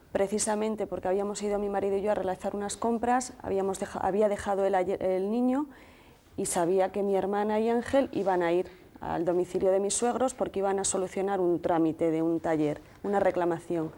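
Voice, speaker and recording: A woman in her thirties with a Madrid Spanish accent, a TV interview guest calmly recounting events in detail with quoted dialogue. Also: mid-range voice. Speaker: guest, sister of the deceased. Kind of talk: emotional first-person account in a TV interview.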